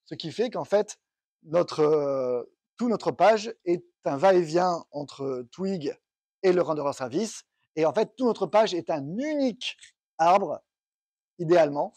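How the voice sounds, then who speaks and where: A man's voice: a little high, animated, slow, a little mellow, no room sound. A man giving a technical conference talk, explaining step by step and thinking aloud with restarts. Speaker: conference speaker. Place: conference room.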